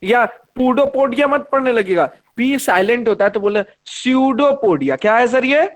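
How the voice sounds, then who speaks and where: A man leads an online science lesson in a fairly high voice. He talks in a lively way and keeps asking the students questions. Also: a little fast, a little hiss or hum. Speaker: teacher.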